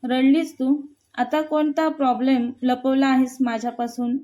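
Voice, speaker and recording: A kind older lady of the house, voiced by a woman reading the story, asks after a young woman with gentle concern. The voice is high and soft, with a mellow tone. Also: flat delivery, a little slow. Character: kind caring older female mistress of house.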